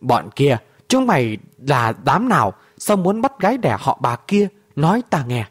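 Male narrator as tough old woman fighter, gruff and commanding, lively swings in pitch. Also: a little slow, no echo, full character voice. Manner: gruff, bossy, barking orders. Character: fierce old woman warrior, bitter and commanding.

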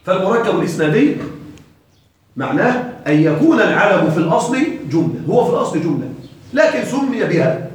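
A man in his thirties teaching an Arabic grammar class, quizzing his students with quick questions and repeating each term for them. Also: high voice, sing-song, very echoey, far from the mic, rough recording.

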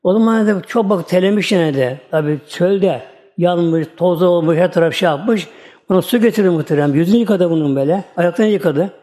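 A man's voice: high-pitched, fairly quick, warm tone. A man, a religious teacher, giving a storytelling religious talk in a folksy, repetitive way.

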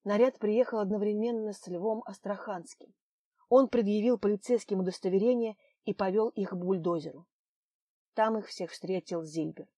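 Woman, audiobook narrator, measured, middle pitch, dry close sound. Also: fairly even intonation, dark tone, no room sound. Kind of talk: scripted narration.

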